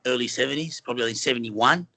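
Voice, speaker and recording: A fast-talking middle-aged Australian from Western Sydney, a film actor guest, rambles earnestly in a casual interview, full of fillers and restarts. His medium-pitched voice is gravelly, pushed, and bright.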